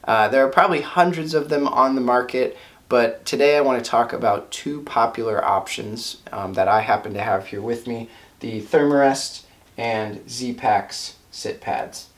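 A man in his twenties giving a casual gear review at his desk in a small room, relaxed and full of ums and quick self-corrections. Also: mid-range voice.

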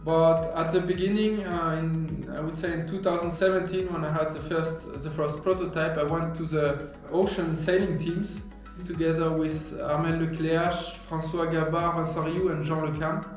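Man in his 30s, slightly high voice, halting and earnest, very echoey office, faint music behind. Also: fairly even intonation. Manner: halting, many restarts and fillers, earnest. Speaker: engineer and founder of a marine detection product. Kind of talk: explaining a product to camera. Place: office room, indoors.

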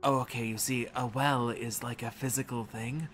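A man voicing a lonely, talkative old male villager who rambles on with slow, drawling lines. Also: mid-range voice, steady tone, fairly bright tone, soft background music, natural voice. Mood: rambling. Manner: drawling, rambling, pun-proud. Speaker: streamer reading game dialogue.

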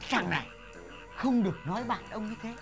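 An actor in his forties playing a proud, hot-tempered village husband and new father in a folk comedy film, blustering and shouting when jealous. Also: sits high, brisk, gravelly, over music. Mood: scolding. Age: 40s. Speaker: father of a newborn son.

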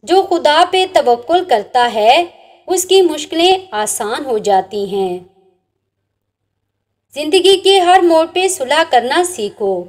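A high-voiced woman narrator recites inspirational religious sayings in a measured way. Each one ends on a softer, falling note.

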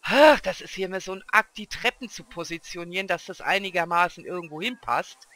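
Guy doing a chatty let's play, high bright voice, dry close sound, keeps talking to his game characters. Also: fairly quick, no echo. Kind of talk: casual gameplay commentary.

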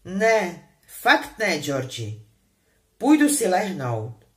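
A woman's voice: fairly low pitch, sing-song, fairly bright tone. A woman voicing a frustrated, defensive teenage boy wizard in a storybook reading, speaking up with insistence. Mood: exasperated.

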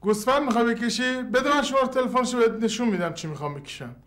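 A prying, aimless neighbor grumbles about his troubles and pokes into others' business. His voice is unusually high for a man. It is a TV comedy role. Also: lively intonation, fairly bright tone. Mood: nosy. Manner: prying, complaining. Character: nosy, aimless man looking for a classy job. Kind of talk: sitcom acting.

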